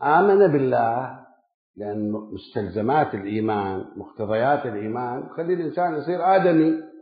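A man delivers a sermon, building emphatic lists of words that climb and then sink low. The sound is thin and phone-like. It rings with a roomy echo. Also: expressive, a little fast. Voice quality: emphatic, rhythmic listing of words, rising then dropping low. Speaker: preacher. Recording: echoey, phone-like lo-fi recording.

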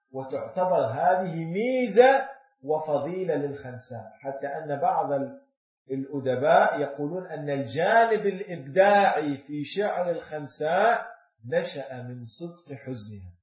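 Man, religious lecture, high voice, rhetorical, loud-then-hushed delivery, echoey hall, dull lo-fi recording. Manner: rhetorical, swings between loud emphasis and near-hushed asides. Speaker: religious speaker.

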